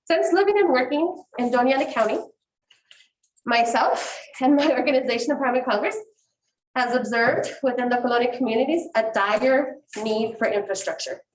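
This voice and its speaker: A woman addressing a public meeting with earnest, emphatic testimony. Her voice sits slightly high and she stresses important words. The sound is echoey with faint background noise, as in a large meeting room. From New Mexico. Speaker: community organization director giving public comment.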